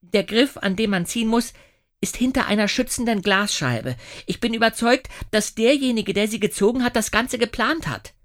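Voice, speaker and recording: Man doing a sharp young girl detective. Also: high-pitched, animated, moderate pace, pitched above the performer's own voice. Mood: confident. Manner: confident, reasoning.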